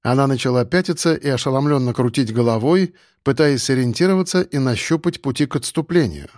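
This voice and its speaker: A man's voice: mid-range voice, a little fast, darkish tone, no echo. Male audiobook narrator, wry and slangy, close dry studio sound. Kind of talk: first-person novel narration with voiced dialogue.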